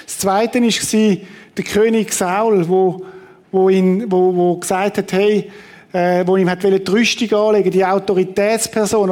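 A man preaching a sermon, acting out quoted voices with frequent restarts. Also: high-pitched. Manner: animated preaching, acts out quoted voices, restarts mid-sentence. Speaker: pastor.

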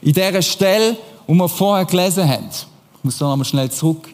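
A man's voice: high voice, brisk. Man preaching in a reverberant hall. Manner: lively, conversational, asks the listeners questions. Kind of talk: sermon.

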